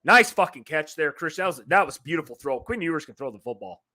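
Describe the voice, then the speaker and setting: A man's voice: fairly high pitch, lively intonation, fast talker, sharp tone. A man co-hosting a live college football reaction show, fired up and swearing as he banters. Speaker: co-host. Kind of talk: live sports reaction chat.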